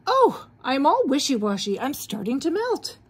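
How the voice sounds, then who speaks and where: A naive, jolly snowman from a children's storybook, played by a woman reading aloud. He exclaims everything cheerfully, in a high and very lively voice. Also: moderate pace. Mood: dismayed. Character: cheerful, naive male snowman come to life.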